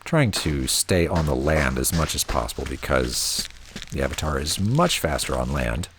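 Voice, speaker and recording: A man with a very low voice talks through his gameplay in an unhurried, wry way. His pitch swings widely as he reacts, and steady rain noise sits clearly behind him. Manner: relaxed, wry, thinking aloud. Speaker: let's play host. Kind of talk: casual gameplay commentary.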